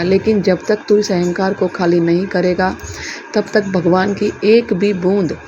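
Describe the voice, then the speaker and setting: Woman voicing a calm, gentle, wise holy man. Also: medium pitch, close to an everyday voice. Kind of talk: devotional storytelling. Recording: muffled lo-fi with clear background noise.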